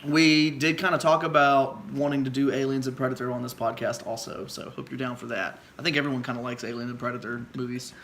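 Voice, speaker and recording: A man's voice: medium pitch, steady tone, quick pace, hardly any pauses, fairly bright tone, a little hiss or hum. A man co-hosting a casual podcast about monster movies and toy figures, loose and rambling, laughing often. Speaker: podcast co-host. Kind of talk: casual chat. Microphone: podcast microphone.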